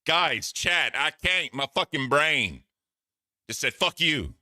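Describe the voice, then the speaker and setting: A man's voice: on the high side, expressive, slow pace, no room sound, studio quality. A man with a Southern US accent chatting on a livestream, rambling, profane and groggy from the heat. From American South. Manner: rambling, profane, loud outbursts. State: groggy, overheated. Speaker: livestream co-host. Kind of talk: casual livestream chat.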